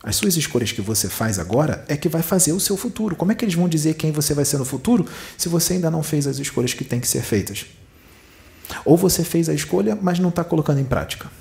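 Gravelly-voiced Brazilian man preaching. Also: fairly high pitch, expressive, fast talker, a little mellow. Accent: Rio de Janeiro Portuguese. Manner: preachy, rhetorical questions, emphatic. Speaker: spiritual medium. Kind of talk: channeled spiritual teaching.

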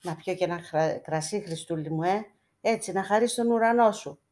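A woman's voice: lowish voice, a little mellow, lightly acted. A woman voicing a poor village man who coaxes and pleads for coins before church icons. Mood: wheedling. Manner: pleading, coaxing with endearments.

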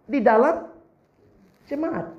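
A man preaching a sermon, humorous and animated, putting questions to the congregation. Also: very high voice, slow. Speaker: pastor. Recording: roomy, slightly dull, faint background noise.

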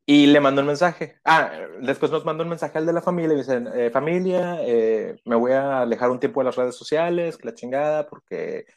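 A man's voice: mid-range voice, fairly quick, hardly any pauses. A young man with a Mexican Spanish accent, casually telling a story full of slang and frequent laughter. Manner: laughs often, heavy slang, animated retelling.

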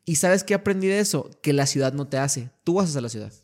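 A man's voice: on the high side, lively intonation, quick pace. A man, hosting a casual podcast chat and peppering his talk with slang. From northern Mexico. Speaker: podcast host.

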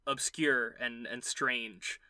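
A man's voice: medium pitch, steady tone, slow, bright, forceful tone. A man in his twenties co-hosting a podcast, talking in a loose, joking way with plenty of fillers. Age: 20s. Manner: laid-back, joking, loose phrasing with fillers. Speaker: podcast co-host. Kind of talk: casual chat.

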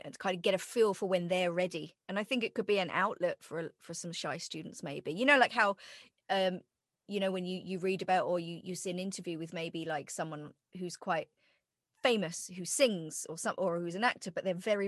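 A woman's voice: lowish voice, no room sound, studio quality. A woman teacher interviewing a guest, enthusiastic and affirming. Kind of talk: conversational interview.

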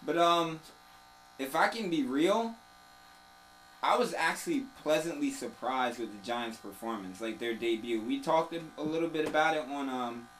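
A man's voice: mid-range voice, normal speed, rough recording. A man hosting casual sports talk, slangy, joking and opinionated, chatting through a haircut. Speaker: host of a sports talk show. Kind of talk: casual banter and sports chat. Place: room during a haircut. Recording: steady electric razor buzz, ambient noise.

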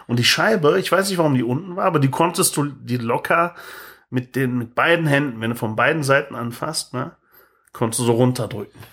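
A man in his thirties co-hosting a podcast, telling a story in lively casual chat and tagging his sentences with "ne?". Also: medium pitch, a little fast. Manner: animated, tags sentences with "ne?". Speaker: podcast co-host.

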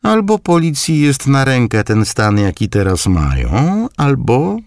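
A man voicing a crude, sharp-tongued grandmother nearly eighty in an audiobook. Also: medium pitch, huge pitch swings, unhurried, no room sound, studio quality, voice pushed up. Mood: musing. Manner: testy, crude, curt. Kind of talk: audiobook reading.

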